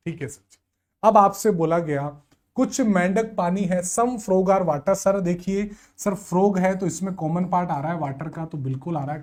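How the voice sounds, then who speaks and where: A young man teaching a live online exam coaching class, explaining reasoning problems step by step and quizzing his students with rhetorical questions. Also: high-pitched. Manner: lively, addresses students as sir, beta and bhaiya, rhetorical questions.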